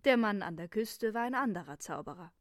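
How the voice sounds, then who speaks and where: A woman reading a calm, unmoved old king. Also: mid-range voice, fairly quick, dry recording, studio quality, close to an everyday voice.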